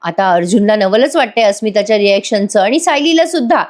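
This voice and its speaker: A woman's voice: medium pitch, lively intonation, a little fast. A woman recapping a TV serial episode in a chatty voice-over, addressing viewers directly. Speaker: TV serial reviewer.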